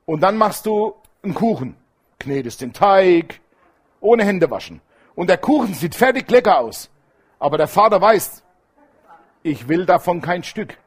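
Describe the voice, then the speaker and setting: A man preaching a sermon, animated, swinging between loud emphatic lines and low hushed asides. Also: a little slow, breathy edge.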